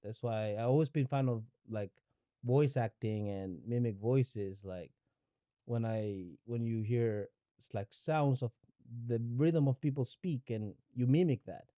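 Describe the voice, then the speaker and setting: Thinking aloud as a podcast guest, a young man from Ecuador whose first language is Spanish speaks in a warm, mellow, mid-range voice, a little slowly. He searches for words, restarting and repeating himself in a reflective conversational interview. The sound is close and dry, with no room sound.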